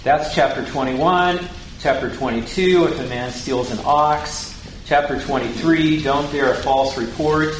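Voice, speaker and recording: Unhurried and medium in pitch, a man talks through the Bible conversationally, putting questions to listeners and paraphrasing passages casually. The recording has a little hiss or hum, a very echoey room, and faint ambience.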